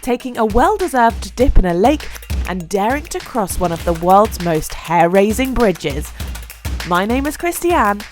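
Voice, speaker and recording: A woman's voice: mid-range voice, big pitch swings, measured pace, soft background music. A woman narrating her travel vlog in a scripted voice-over with enthusiastic delivery. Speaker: travel vlogger.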